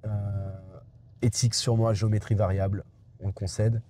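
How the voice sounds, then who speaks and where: A man's voice: lowish voice, little pitch movement, normal speed, warm tone. A young adult man vlogging from inside a car, rambling and digressive, with many hesitations and restarts. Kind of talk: rambling casual monologue.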